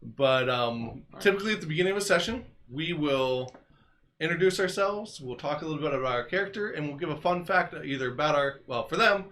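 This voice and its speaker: A man acting as dungeon master, introducing a tabletop game stream in a relaxed, explanatory way. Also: fairly high pitch, fairly quick.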